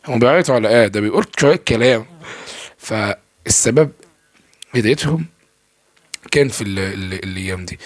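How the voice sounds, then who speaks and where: A man's voice: mid-range voice, dry recording. A young man with an Egyptian Arabic accent giving a casual religious talk to camera. He asks himself questions and answers them, and he often stalls on repeated fillers. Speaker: religious speaker. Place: filming himself indoors.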